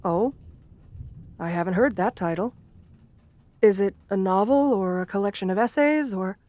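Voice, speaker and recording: In a romantic ASMR roleplay, a woman voices a shy, sweet, bookish gargoyle, speaking hesitantly with polite, old-fashioned formality. Her natural, dark-toned voice is medium-pitched at normal speed, with a gentle, wistful mood.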